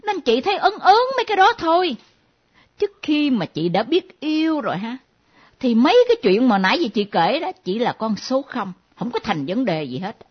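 A woman's voice: on the high side, normal speed, slightly rough. A woman doing a nosy, teasing younger friend. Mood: mocking. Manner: teasing, lively, mimicking. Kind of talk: comedy sketch acting. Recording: dull lo-fi recording.

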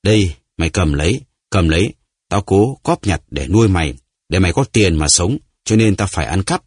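A man voicing a hoarse, gasping old grandfather in an audiobook story, pleading and reproaching himself. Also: low-pitched, expressive, moderate pace, no echo, studio quality. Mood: anguished. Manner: pleading, shouting, self-reproaching. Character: old grandfather, hoarse, bitter and guilt-ridden. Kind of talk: audiobook character voice.

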